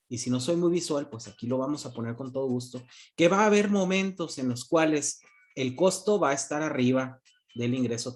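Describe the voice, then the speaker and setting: A man, a university economics teacher giving an online class, joking and answering his own questions. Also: fairly high pitch. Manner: joking, asks questions and answers them himself.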